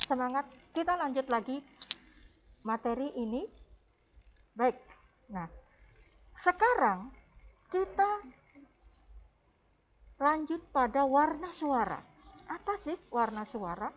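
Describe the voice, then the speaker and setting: This recorded lesson features a woman teaching music, who addresses her class warmly and explains with patience. She has a high voice, and the recording's upper frequencies are cut off.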